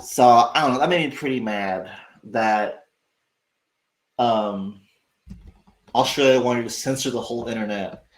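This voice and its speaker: A man's voice: medium pitch, a little slow, long pauses. Ranting man in an echoey room. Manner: rambling, profane, sarcastic. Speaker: livestream host. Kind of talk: casual livestream rant.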